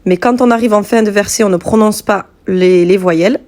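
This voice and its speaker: A woman teaching Quranic letters step by step, patient and clear, spelling out sounds slowly and distinctly. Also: medium pitch, a little mellow.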